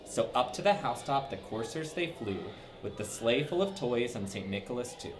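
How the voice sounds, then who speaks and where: Lively man reading a story to kids. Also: medium pitch, moderate pace, background noise. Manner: lively, sing-song, with dramatic swoops. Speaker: storybook reader for children. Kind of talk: reading a rhyming story aloud.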